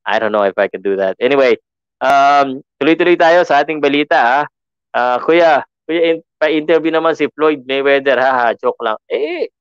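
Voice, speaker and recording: A man's voice: medium pitch, smooth, no echo, dull audio. A man with a Filipino accent hosting a podcast, talking casually with lots of fillers and restarts. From Philippines. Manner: chatty, code-switching, frequent fillers and restarts. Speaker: podcast host.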